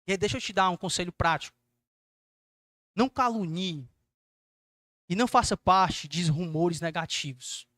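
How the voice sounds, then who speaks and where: A young man preaching a youth service sermon, earnest and exhorting, acting out gentle questions to his listeners. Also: sits high, normal speed, long pauses, no room sound, studio quality.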